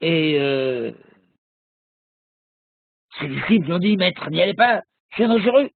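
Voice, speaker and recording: Rabbi guy giving a class, slow and gravelly, tinny phone-like sound, lots of umms. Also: fairly high pitch, expressive, dry recording. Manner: slow storytelling with many hesitations. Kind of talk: recorded religious lesson.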